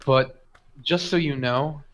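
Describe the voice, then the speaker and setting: A man's voice: fairly high pitch, slow pace, a bit bright. A man playing a tabletop role-playing game, chatting casually in a blunt, sweary way.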